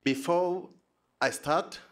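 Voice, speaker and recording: A male PhD student with a Tanzanian accent presents at an academic conference, hesitant and halting, often repeating words. His pitch is fairly high and his tone fairly bright.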